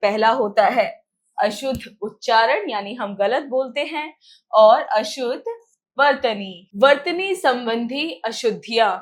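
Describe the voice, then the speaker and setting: Slow, high-voiced woman teaching children. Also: lively intonation. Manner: slow, explaining step by step to children. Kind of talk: grammar lesson for children.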